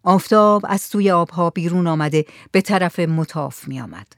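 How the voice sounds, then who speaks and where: An audiobook narrator reads a story in a steady, measured way. The voice sits at a middle pitch and sounds close and dry, with no room echo. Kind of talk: scripted narration.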